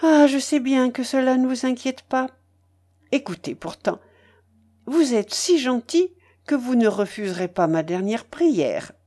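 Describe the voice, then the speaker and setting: A woman voicing an imperious, mocking young aristocrat in a read-aloud novel, higher and brighter than her narration. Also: lively intonation, unhurried. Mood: coaxing. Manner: commanding, mocking, playful.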